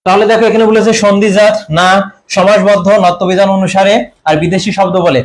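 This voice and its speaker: Young man, high voice, exam-prep tutor, questioning, throat-clearing. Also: steady tone, quick pace. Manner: quizzing students with repeated questions; clears his throat often. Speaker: admission coaching teacher. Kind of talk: online exam-prep class.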